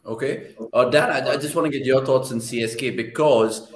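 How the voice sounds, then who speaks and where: A man's voice: mid-range voice, moderate pace, reverberant. A man in his thirties hosting a cricket panel on a video call, asking probing questions. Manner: probing, asks pointed questions. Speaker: host. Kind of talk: casual panel discussion. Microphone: video call webcam.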